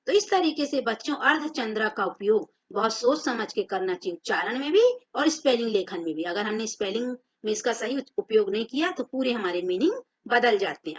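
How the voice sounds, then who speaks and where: A woman's voice: fairly high pitch, fairly bright tone. A woman teaching a grammar lesson to children, patiently spelling out words letter by letter. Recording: dull lo-fi audio.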